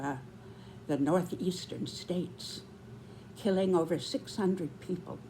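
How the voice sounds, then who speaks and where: A woman in her nineties giving reflective spoken commentary, with deliberate, measured phrasing and pauses. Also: fairly low pitch, warm tone, slight background noise, poor audio. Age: 90s.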